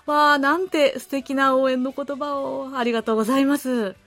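A woman hosting a radio show, reading listener letters aloud and chatting about them in a friendly, gentle way with soft laughs. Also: high-pitched, steady tone, moderate pace. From Korea. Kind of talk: casual radio talk. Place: radio studio.

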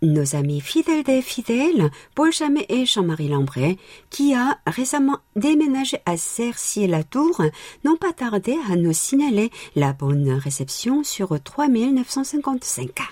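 A woman presents a radio programme from a script, reading out listeners' messages. Her voice is soft-edged and husky, and it moves with very animated intonation. The sound is close and dry. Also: fairly high pitch, measured pace, dry recording. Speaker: radio host.

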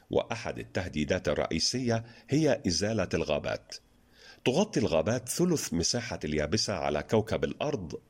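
A man's voice: low voice, a little mellow, husky. A man hosting a radio show, reading listener letters in a formal standard register. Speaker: radio program host.

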